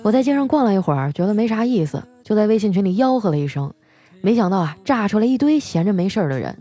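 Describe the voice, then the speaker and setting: A young woman, telling comic stories as a radio host in a wry, deadpan way and playfully voicing the people she quotes. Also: medium pitch, fast talker, faint music behind. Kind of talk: comic storytelling monologue.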